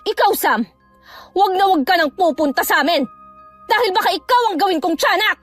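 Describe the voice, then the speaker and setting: A shrill furious pregnant wife. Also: female voice, expressive, brisk, soft background music. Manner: shouting threats, shrill. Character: furious pregnant young wife, sharp-tongued. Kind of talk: Filipino radio-style horror drama acting.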